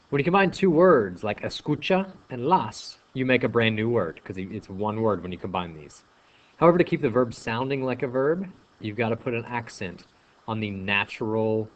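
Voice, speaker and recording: A man's voice: on the low side, muffled recording, a little hiss or hum. A man teaching a language lesson, explaining step by step with frequent ums. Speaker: Spanish teacher. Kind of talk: classroom lesson narration.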